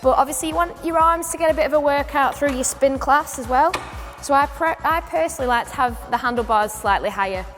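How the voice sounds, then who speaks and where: A woman's voice: high voice, fairly quick, hardly any pauses, a bit bright. A woman spin instructor informally explaining a bike demonstration step by step. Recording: echoey hall with music behind.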